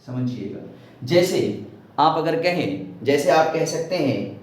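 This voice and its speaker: A man's voice: a little high, lively intonation, a little mellow. Echoey male grammar teacher, repeating. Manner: asks questions and answers them himself; slow and repetitive, tag question "hai na". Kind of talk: Urdu grammar lesson. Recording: echoey room.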